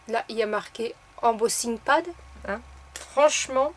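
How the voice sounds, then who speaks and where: A woman hosting a casual crafting tutorial, explaining each step in a chatty way with soft fillers. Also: on the high side, a little slow, a little hiss or hum. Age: adult. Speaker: craft video host.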